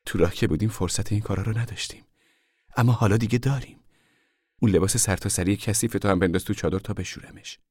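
A deep-voiced male narrator plays a brisk, stern mother in an audiobook, handing out orders without pause. Her tone sits somewhat higher than his own. The sound is dry and intimate. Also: darkish tone, breathy edge, no room sound. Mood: firm, bossy. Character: brisk, firm mother of a poor family. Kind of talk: audiobook character voice.

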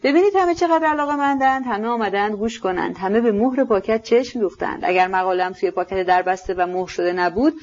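A woman reading the part of a sick, feverish young man who talks in an excitable, nervous and defiant way. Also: mid-range voice, few pauses, highs cut off, close to an everyday voice. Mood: agitated.

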